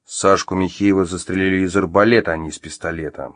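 A man's voice: lowish voice, moderate pace, no room sound, studio quality, close to an everyday voice. Man doing a growling furious gunman. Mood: cold interrogating. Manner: growling, barking, menacing. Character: furious man interrogating his ex-wife at gunpoint.

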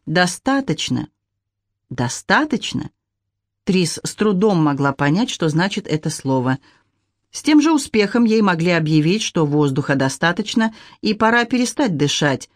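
Brief: audiobook narrator, middle-pitched, steady measured reading, dry close sound. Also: no room sound.

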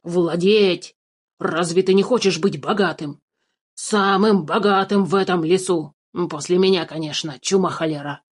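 A woman's voice: on the low side, normal speed, slightly rough. A woman doing a fussy gray-bearded old dwarf. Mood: excited grumbling. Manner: fussy, excitable, keeps cursing. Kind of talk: storybook reading.

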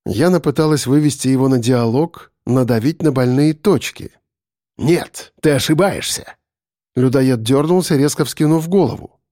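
A man narrating an audiobook in an even, measured reading. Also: medium pitch, dry recording, studio quality.

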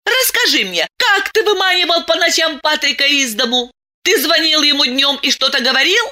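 A woman voicing a jealous, wronged wife who accuses her husband in a sharp, shrill, venomous way. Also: very animated, takes it slowly, full character voice. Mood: furious.

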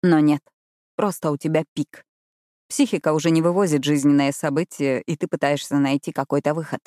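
A woman voicing a calm, self-assured man of twenty-five in an audiobook, speaking with quiet control. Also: sits low, fairly quick, no room sound, clean studio sound, close to an everyday voice. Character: calm, confident, arrogant young man, age 25. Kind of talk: audiobook reading.

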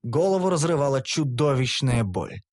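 A male audiobook narrator reading humorous fantasy in the first person. His delivery is wry and expressive, with pitch that moves a lot. He sits in the middle of the usual male range. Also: normal speed.

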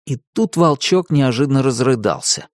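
A man narrating a children's storybook in an even, expressive reading. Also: mid-range voice, normal speed, no echo, studio quality. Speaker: audiobook narrator.

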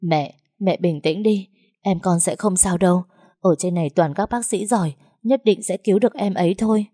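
A woman doing a quiet proud young office girl, curt, low voice, storybook reading. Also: normal speed, slightly rough, no room sound, clean studio sound. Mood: steady.

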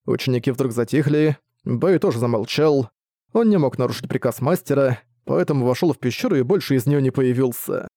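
A man narrating a fantasy novel in a steady, measured storytelling manner. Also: mid-range voice, no room sound, studio quality. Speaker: audiobook narrator.

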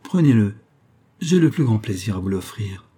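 A man reading aloud, voicing a shy young noblewoman who speaks softly and hesitantly in a raised voice. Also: on the low side, very animated, normal speed, husky. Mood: shy, gentle. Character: shy young noblewoman, gentle and a little teasing.

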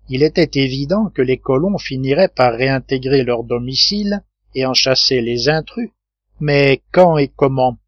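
Male narrator for a classic novel audiobook; steady, measured delivery, dull dry recording. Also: medium pitch, no echo.

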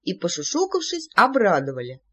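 A woman narrating an audiobook in a playful, animated manner. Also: medium pitch, fairly quick, breathy edge. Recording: slightly muffled recording.

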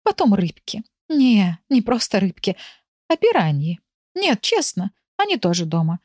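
A woman's voice: medium pitch, big pitch swings, measured pace, a little mellow, no room sound, studio quality. A woman reading an audiobook, voicing a talkative, flustered village woman who keeps complaining about her pets. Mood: chatty. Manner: exasperated, chatty, complaining. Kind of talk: audiobook character voice.

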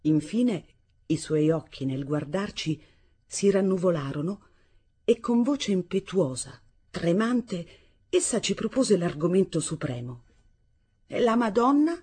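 A woman narrating a literary novel for radio, expressive and lively. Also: on the low side, unhurried, husky. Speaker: audiobook reader.

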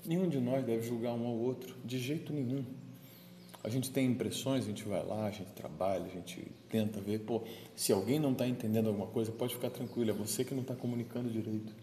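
A man's voice: mid-range voice, a little fast, dark tone. A man giving an informal daily homily, talking in a conversational and playful way with the people around him. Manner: conversational, playful, chatting with listeners present. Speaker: pastor. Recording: echoey room with faint ambient noise.

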